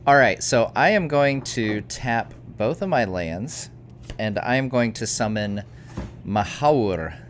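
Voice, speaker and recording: A man's voice: mid-range voice, lively intonation, slow pace, slight background noise. A man hosting a casual card game chat, thinking aloud as he shares book lore he loves. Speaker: channel host.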